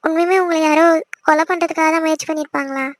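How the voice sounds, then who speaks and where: A woman voicing an anxious young wife who worries and questions her injured husband, in an amateur animated serial. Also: very high voice, fast talker. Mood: questioning.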